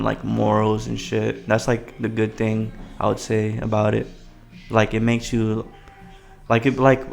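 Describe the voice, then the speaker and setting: A young adult man chatting casually as a podcast co-host, full of slang and swearing, with a gravelly voice. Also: on the low side.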